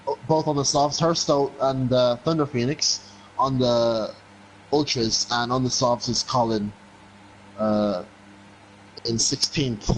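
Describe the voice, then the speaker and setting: Male motorsport commentator with an average-pitched voice, analytical race calls, some background noise. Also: low-quality recording.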